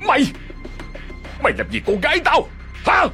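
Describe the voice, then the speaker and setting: A man's voice: sing-song, moderate pace, over music. A man doing a grief-broken village father. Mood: enraged. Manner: sobbing, breaking into high cries. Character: grieving middle-aged village father.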